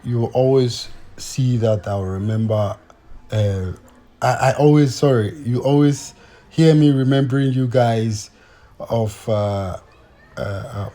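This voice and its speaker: This Ghanaian man talks to his vlog viewers in an easygoing, hesitant way while outside. He has a mellow voice in the middle range and keeps using fillers and starting over.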